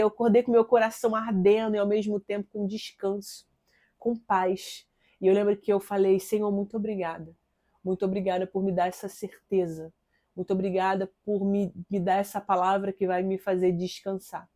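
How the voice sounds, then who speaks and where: A woman's voice: medium pitch, mellow. A Brazilian woman in her thirties tells a personal faith testimony in an earnest, conversational way, often adding little tag questions. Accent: Brazilian Portuguese. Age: 30s.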